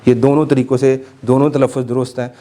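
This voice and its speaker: Male religious teacher giving a Quran lesson, lively emphasis, quizzes his class. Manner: animated, rising pitch for emphasis, asks the class questions.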